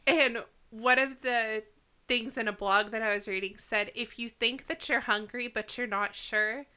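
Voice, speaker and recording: A woman's voice: a little high, steady tone, unhurried, sharp tone, smooth. A married woman co-hosting a casual group talk, earnest and candid, reading out discussion questions.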